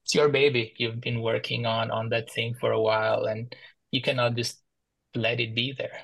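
Podcast guest, male, Albanian accent, narrow even intonation, close dry sound, conversational and good-humoured. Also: mid-range voice, normal speed, gravelly, no room sound. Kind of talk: casual interview talk.

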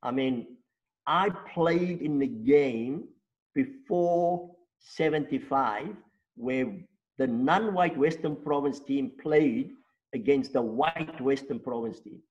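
An interview guest in his sixties with a South African accent, Afrikaans being his native tongue, talks through his life story at length and checks in with rhetorical questions. He speaks slowly in a slightly mellow, mid-range voice, and the audio is dull.

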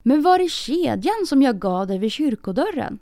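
A woman's voice: high-pitched, big pitch swings, warm tone, dry recording, studio quality, faint music behind, voice pushed up. A woman voicing an earnest young king's son in a storybook reading, asking probing questions. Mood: questioning.

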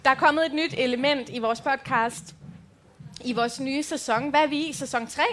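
A woman's voice: high voice, a bit bright, a little hiss or hum. A woman co-hosting a live podcast, telling chatty anecdotes with many fillers. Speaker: podcast co-host.

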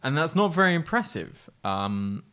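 A man's voice: a little high, big pitch swings, moderate pace, bright, forceful tone, clean tone. A man hosting a casual podcast over drinks, opinionated and rambling, often trailing off and repeating words. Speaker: podcast host. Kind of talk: casual drunk chat.

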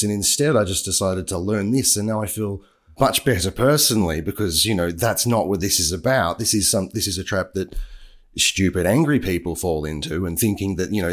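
A young man, a writer and podcast co-host, talking in an earnest, reflective way with frequent restarts. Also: deep voice. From Australia. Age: young adult. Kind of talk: casual chat.

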